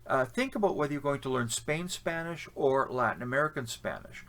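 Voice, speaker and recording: A language-learning vlogger with a Canadian accent gives casual, opinionated advice to camera, often using fillers and restarting his sentences. His mid-range voice is animated and a bit bright, and he talks a little fast.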